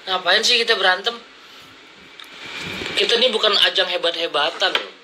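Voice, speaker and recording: A man's voice: sits high, moderate pace, background noise. A man ranting at his critics in blunt, confrontational slang, lecturing them from his seat. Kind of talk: heated casual rant to camera. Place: seated indoors, smoking and drinking coffee.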